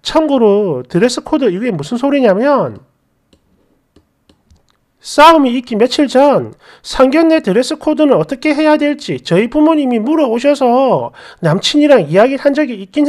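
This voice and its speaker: Brief: high-pitched woman narrator, very animated delivery, reads an indignant personal story aloud. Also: normal speed. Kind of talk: dramatic story reading.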